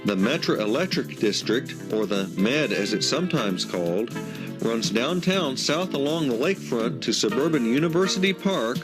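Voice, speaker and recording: A man's voice: medium pitch, expressive, moderate pace. A man delivering scripted narration as the narrator of a documentary. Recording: voice-over with loud music behind.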